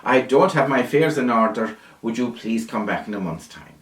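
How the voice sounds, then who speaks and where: A man's voice: mid-range voice, lively intonation, normal speed, lightly acted. Man acting anxious folk-tale mother, Irish accent, lilting, plaintive, pleading, roomy echo. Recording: roomy, echoing sound.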